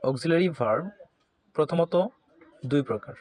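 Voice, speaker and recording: A man with a Bangladeshi Bengali accent teaches an English grammar lesson slowly and deliberately, spelling words out letter by letter. His voice is fairly high and darkish in tone, with lively intonation.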